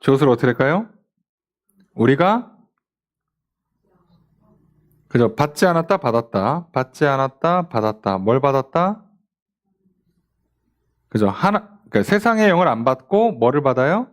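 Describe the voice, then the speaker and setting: A man's voice: medium pitch, very animated, moderate pace, pauses often. A man, a pastor, leading a casual Bible study and often asking his listeners rhetorical questions. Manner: casual, talkative, plays out quoted lines.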